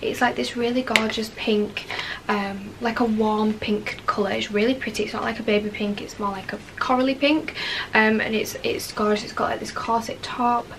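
A young Yorkshire woman in her 20s from Leeds, a lifestyle vlogger, gushes through a casual haul video in her bedroom. Her voice sits a little high with fairly even intonation at normal speed, full of "um" and "like," and she sounds a bit sniffly from a cold. Background noise can be heard.

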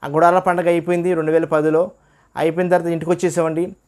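A man shares his personal religious testimony in earnest, acting out the things other people said to him. His voice is fairly high and darkish in tone, and he speaks quickly with a flat delivery.

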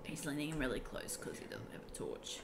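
A woman's voice: deep voice, sing-song, a little fast, background noise. A woman watching a horror game with her co-host, teasing him and laughing often. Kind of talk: casual chat.

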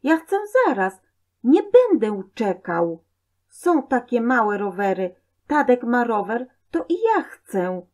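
A woman reading a storybook aloud, voicing a stubborn little boy who shouts and demands. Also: fairly high pitch, very animated, takes it slowly, pitched above the performer's own voice, full character voice. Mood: demanding.

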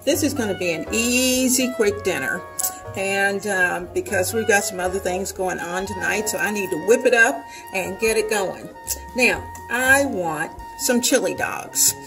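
Woman host, home kitchen, unhurried homey patter, music bed underneath. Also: mid-range voice, poor audio. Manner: chatty, homey, talks the viewer through each step. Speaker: home cooking video host. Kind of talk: casual cooking demonstration.

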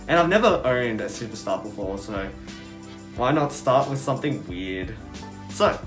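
A young adult man giving a casual, laid-back product review to camera, talking through a cloth face mask. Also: medium pitch. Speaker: sneaker reviewer, video host. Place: indoors, small room at home.

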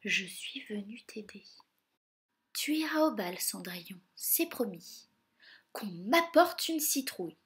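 A woman voicing a kindly older fairy godmother who murmurs softly and turns brisk and cheerful, in a read-aloud storybook. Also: fairly high pitch, sing-song. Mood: soothing.

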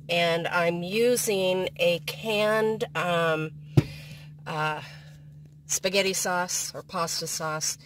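A woman's voice: sits low, background noise. A woman vlogging casually as she cooks in her van, hesitant and full of ums. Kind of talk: casual cooking vlog. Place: inside a van kitchen.

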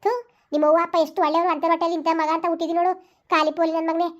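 A woman's voice: very high voice, level tone, rapid-fire, highs cut off. A woman playing a scolding village moneylender. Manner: scolding, threatening.

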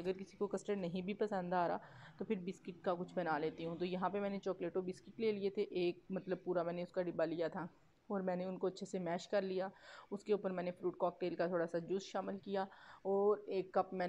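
Low flat-voiced Pakistani woman vlogger. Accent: Pakistani Urdu. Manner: chatty, with frequent fillers and self-corrections. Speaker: cooking vlogger. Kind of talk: voice-over cooking narration. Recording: dull lo-fi voice-over.

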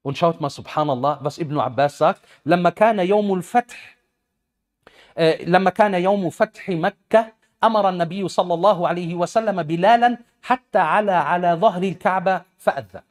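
A man in his thirties giving a lively sermon on a headset mic, swinging between loud bursts and quiet asides. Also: high-pitched, very fast. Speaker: preacher.

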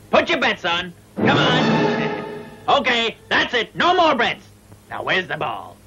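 An actor playing a jovial, sly gambling stallholder in a dubbed martial arts film, calling out for bets in short bookmaker-style patter. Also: male voice, high-pitched, wildly swooping pitch, takes it slowly, heavily acted. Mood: teasing, hawking. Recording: old film dub with loud music.

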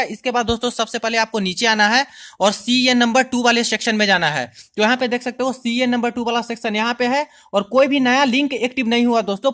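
A man's voice: sits high, a bit bright. A man hosting a channel, talking viewers through an online process step by step in a chatty screen-recording tutorial, constantly calling them friends. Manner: step-by-step instructional. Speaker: YouTube channel host.

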